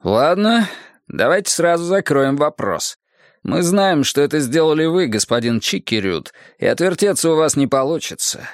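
A man's voice: fairly high pitch, big pitch swings, normal speed, no room sound, clean studio sound. A man voicing a stern police detective who speaks firmly and formally to a suspect, in a read-aloud story. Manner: firm, formal.

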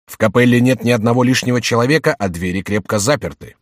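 A man's voice: mid-range voice, quick pace, no echo, studio quality, lightly acted. A man voicing a scheming noble duke who speaks in solemn, persuasive oratory, in an audiobook reading. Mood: reassuring.

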